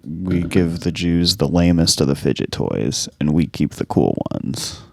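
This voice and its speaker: A man's voice: low-pitched, lively intonation, measured pace, vocal fry, dark tone, no echo. A man co-hosting a comedy podcast, rambling and restarting his sentences while joking around. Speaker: podcast co-host. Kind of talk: crude casual banter.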